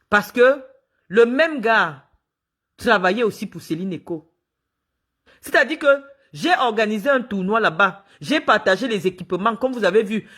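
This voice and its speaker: A woman's voice: mid-range voice, fairly bright tone. A woman from Cameroon, speaking in an indignant, emphatic monologue as she recounts events and acts out the dialogue. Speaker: sports official speaking out. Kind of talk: spoken monologue, recounting and accusing.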